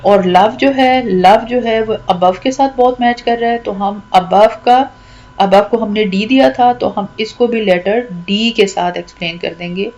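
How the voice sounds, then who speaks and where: A woman teacher patiently explaining a poem's rhyme scheme, stretching out key words slowly and repeating each step. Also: mid-range voice, a little mellow, lo-fi sound. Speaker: English teacher.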